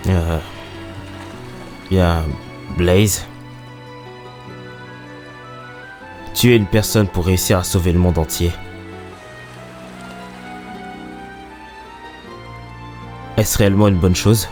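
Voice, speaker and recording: A man's voice: deep voice, fairly even intonation, normal speed, a little mellow, natural voice. A man voicing an earnest, determined young male hedgehog in an amateur French game fan dub, with music behind him. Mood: troubled. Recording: background music under the voice. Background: dramatic game music.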